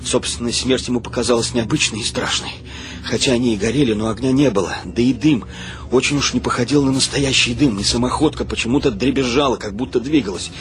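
A man narrating a war story audiobook in a measured, steady reading. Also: medium pitch. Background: faint music.

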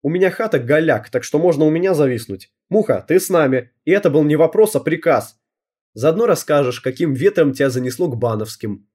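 A man's voice: a little high, expressive, a little fast, darkish tone, breathy edge. A man voicing a brash, bossy teenage girl gang leader with cocky street slang in an audiobook reading.

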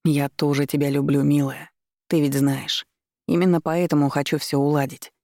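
Brief: a woman playing a gentle, placating husband in an audiobook, low and hushed, gravelly. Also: level tone, normal speed, no echo, clean studio sound. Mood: pleading. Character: adult man, husband, calm and pleading.

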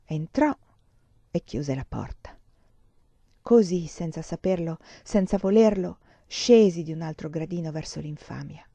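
A woman's voice: lively intonation, a little slow, vocal fry, dark tone, breathy edge, dry recording. Dramatic woman reading a novel aloud. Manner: dramatic, rising in pitch at tense moments. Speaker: reader of a novel. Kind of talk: expressive audiobook reading.

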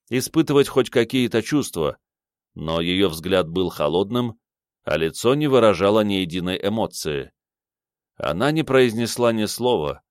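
Man reading an audiobook, low steady voice, dry close sound. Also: dry recording. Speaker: audiobook narrator. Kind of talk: scripted first-person fantasy narration.

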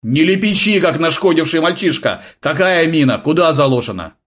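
A man's voice: a little high, sing-song, normal speed, pitched above the performer's own voice. A man voicing a stern, tense naval senior lieutenant who gives curt, commanding orders in an audiobook. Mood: angry. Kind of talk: audiobook character voice.

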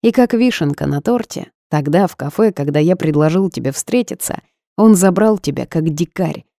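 A woman's voice: deep voice, expressive, normal speed, gravelly, dark tone, no room sound, studio quality. A woman voicing a blunt, outspoken young male bartender, speaking frankly and lecturing.

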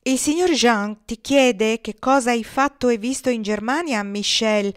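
A woman's voice: medium pitch, very animated, normal speed, lightly acted. A woman reading the lines of a flustered hostess who has a slightly heady voice, in an audiobook. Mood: scolding. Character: anxious middle-aged woman hostess, shrill and embarrassed.

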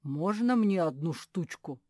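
A woman voicing a big, gentle male bear who talks in a slow, deep, polite way. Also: lively intonation, no echo, clean studio sound.

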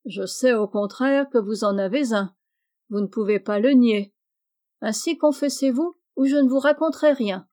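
A playful young man who coaxes and teases his friend, read by a woman. The voice sits fairly high with a mellow, warm tone. It is a storybook reading in French prose. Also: normal speed, close to an everyday voice. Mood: teasing. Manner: playful and coaxing.

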